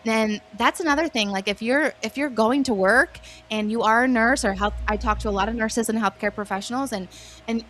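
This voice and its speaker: A woman's voice: a little high, fairly bright tone, a little hiss or hum. A woman in her thirties or forties, a wellness guest on a radio interview, talking in an earnest, faith-based coaching way.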